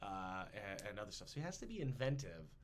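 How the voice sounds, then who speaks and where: A man's voice: lowish voice, fast, a little hiss or hum. A man hosting a casual history podcast, joking around and slipping into silly voices. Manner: animated, jokey, puts on silly voices. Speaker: podcast host.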